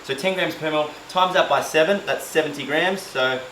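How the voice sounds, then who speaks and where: A man's voice: on the high side, normal speed, sharp tone. A man cooking and chatting casually for a vlog, joking at himself and rambling with fillers. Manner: chatty, jokey, self-mocking, loose with fillers. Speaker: fitness vlogger doing meal prep. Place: home kitchen, indoors. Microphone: camera mic, filmed by a helper. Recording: roomy kitchen with faint cooking noise.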